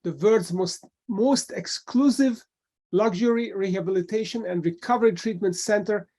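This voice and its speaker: Male interviewer with a high voice, conversational and halting as he asks. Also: a little mellow. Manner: halting, restarts phrases while asking. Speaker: podcast host.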